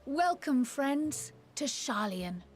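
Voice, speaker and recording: Polite composed lady leader in a video game, kinda high voice, formal wording. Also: big pitch swings, slow, soft background music, exaggerated voice. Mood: welcoming. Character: composed, courteous, loyal woman leader. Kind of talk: scripted video game acting.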